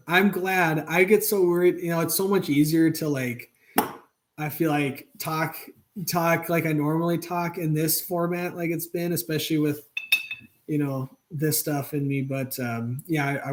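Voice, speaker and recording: A man's voice: on the high side, a little hiss or hum. A man in his thirties hosting a live stream from his home workshop, chatting loosely with many fillers and restarts. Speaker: channel host. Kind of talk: casual live-stream chat.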